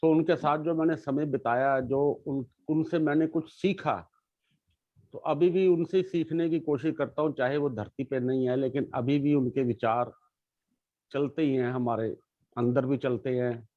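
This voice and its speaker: A middle-aged man talks in a reflective, earnest way and often pauses and restarts mid-thought. His voice sits at an ordinary pitch. The recording is dull and lo-fi and has no room echo. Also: steady tone. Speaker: guest sharing his life story. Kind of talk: casual conversation. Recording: dull lo-fi sound.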